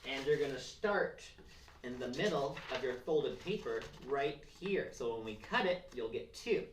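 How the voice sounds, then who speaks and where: A craft presenter walks children through a project step by step, keeping things simple and encouraging in an expressive, unhurried mid-range voice. The mic is distant and the room roomy, with faint noise and clicks.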